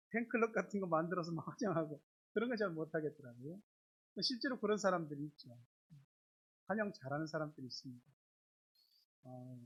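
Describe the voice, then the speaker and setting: Male pastor, high and husky, chatty sermon delivery, dull lo-fi church recording. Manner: conversational, repetitive filler words. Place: church sanctuary.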